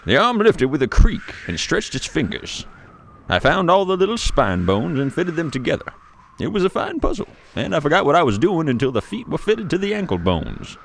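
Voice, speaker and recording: A man's voice: on the high side, wildly swooping pitch, moderate pace, creaky, a little hiss or hum, heavily acted. A man playing an old grandfather who tells a spooky tale to a grandchild in a playful, dramatic way. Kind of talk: storybook read-aloud.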